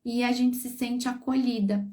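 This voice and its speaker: A woman's voice: on the high side, fairly even intonation, moderate pace, recorded from a distance. A woman psychologist talking on a live stream, giving parents advice and checking that listeners follow. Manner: warm coaching, checks in with listeners.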